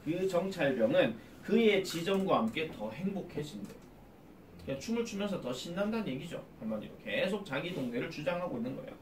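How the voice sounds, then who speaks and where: A man's voice: fairly high pitch, expressive, fairly quick, a little hiss or hum. A man teaching a class in a classroom and explaining a reading text, who keeps asking students questions and answering them himself. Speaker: academy English teacher. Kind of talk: classroom lecture. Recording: echoey classroom, from a distance.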